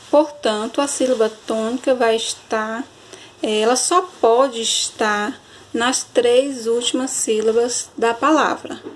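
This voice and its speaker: A woman teacher, giving a recorded grammar lesson and often checking understanding with a quick question. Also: on the high side. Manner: explanatory, checks understanding with frequent "certo?"; stretches and stresses example words slowly.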